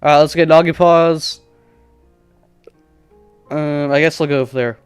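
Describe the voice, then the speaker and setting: A man's voice: fairly high pitch, fairly even intonation, measured pace, clean tone, dry recording, soft background music. Rambling young streamer man, dry close sound. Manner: rambling, self-deprecating, thinking aloud. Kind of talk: casual game commentary.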